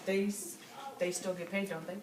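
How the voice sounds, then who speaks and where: A woman's voice: medium pitch, little pitch movement, normal speed, a crowd in the background, natural voice. A smug, self-made male steel tycoon in an amateur skit, played by a woman. The delivery is defiant and boastful, full of repeated rhetorical questions. It is recorded far from the mic in an echoey room with people chattering. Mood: defensive, boastful. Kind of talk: amateur student skit interview.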